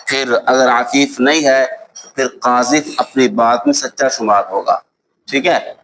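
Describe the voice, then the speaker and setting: A man with a Pakistani Urdu accent teaching a lesson on Islamic law. He recites Arabic texts slowly, then explains them with examples and often checks that students follow. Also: medium pitch, fairly even intonation, a bit bright, slight background noise, rough recording. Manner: explains with worked examples and asks "ٹھیک ہے؟" to check understanding. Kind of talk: classroom lecture.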